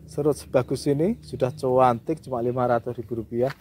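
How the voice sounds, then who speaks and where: A man's voice: medium pitch, steady tone, a little fast, darkish tone. A man with a Javanese accent hosting a casual sales showcase in enthusiastic, exclamatory patter. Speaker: host presenting bonsai trees for sale. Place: outdoor yard of a village nursery. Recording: outdoor noise with roosters and birds. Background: roosters crowing, birds.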